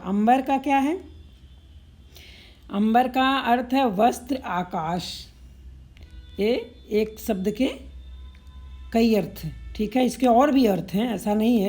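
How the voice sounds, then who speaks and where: A woman's voice: mid-range voice, warm tone. Hindi teacher woman drilling word lists. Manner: repetitive, drilling word pairs with frequent "ठीक है". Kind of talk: explanatory exam-prep lesson.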